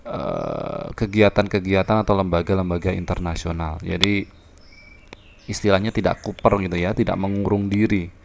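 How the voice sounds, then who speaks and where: A man's voice: low voice, fairly even intonation, moderate pace, creaky, darkish tone, a little hiss or hum. A man teaching a social studies lesson, explaining terms patiently and repeating himself with fillers. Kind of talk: classroom lecture.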